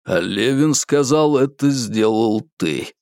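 A cold, quiet male enforcer, unhurried and flat, every word low and even, as a male reader gives him voice. The sound is close and dry. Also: dry recording. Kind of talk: audiobook character voice.

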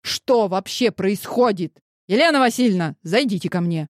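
A woman voicing a hot-tempered young male boss who speaks in slow, emphatic demands. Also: medium pitch, expressive, a little hiss or hum, lightly acted. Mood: agitated.

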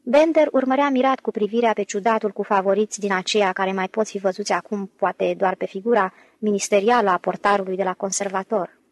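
A woman reading an audiobook in steady, measured narration. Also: medium pitch, no room sound. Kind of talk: scripted narration.

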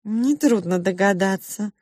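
A woman voicing a wise, sorrowful female pink mouse who speaks in a slow, measured, cryptic way. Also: mid-range voice, darkish tone, no echo, clean studio sound, natural voice.

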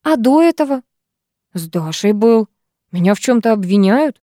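A woman's voice: on the high side, animated, normal speed, dark tone, no room sound, lightly acted. A bewildered schoolboy answers an accusation in a puzzled, defensive way, as a woman narrator puts him on. The reading is dry and close.

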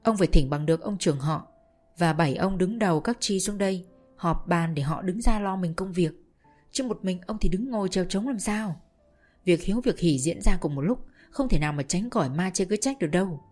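A woman voicing a commanding middle-aged senior wife in a spoken story, giving brisk orders to the household. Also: on the low side, lively intonation, a little mellow, faint music behind.

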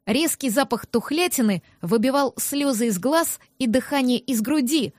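Woman, audiobook narrator, high voice, dry close sound, expressive first-person telling. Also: moderate pace, no echo.

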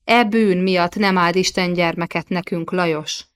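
Storybook figure: a devout medieval queen, read by a woman, grave and accusing, low-pitched. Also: fairly even intonation, clear, resonant tone, close to an everyday voice.

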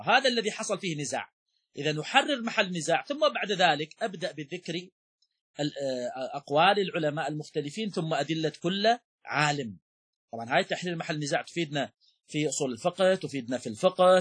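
Husky-voiced man teaching a religious lesson. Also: on the high side. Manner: measured, repeats key terms, restarts with fillers. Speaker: sheikh teaching Shafi'i jurisprudence. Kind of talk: religious lesson, explanatory lecture.

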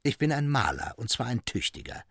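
A man's voice: big pitch swings, a little slow, darkish tone, breathy edge, dry recording, studio quality, heavily acted. A man voicing Traugott, a young male painter in frantic despair, exclaiming in a raised voice. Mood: furious. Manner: exclaiming, pitched high.

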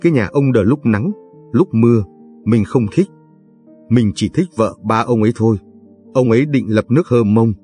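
A man's voice: mid-range voice, moderate pace, warm tone, soft background music, close to an everyday voice. A man voicing a crude, boastful mountain warlord who brags in a coarse, blustering way.

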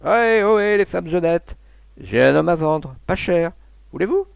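A man's voice: expressive, normal speed, gravelly, smooth, no room sound, clean studio sound. A man voicing a brash boatwoman who jeers at people from a rowboat in a storybook reading. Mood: jeering. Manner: shrill mocking hail.

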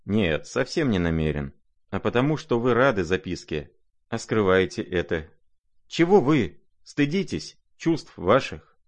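A man voicing a gentle, naive young prince who speaks mildly and calmly. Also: on the low side, measured pace. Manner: mild, calm, soft-spoken.

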